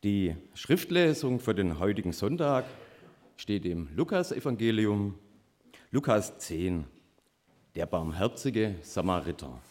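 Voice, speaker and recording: A man leading a church service as pastor, reading scripture aloud in a slow, solemn liturgical manner. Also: on the low side, lively intonation, a little mellow.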